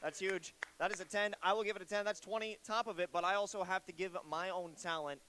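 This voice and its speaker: A man hosting a live event with the excitable hype of an esports caster. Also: high voice, fast, noisy background. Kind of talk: lively live event banter.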